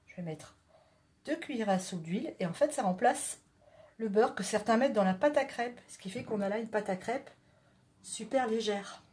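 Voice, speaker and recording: Woman, higher voice, chatty joking cooking host, pans clinking in a home kitchen. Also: expressive, normal speed, darkish tone. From southwest France. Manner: chatty, joking, talks while stirring.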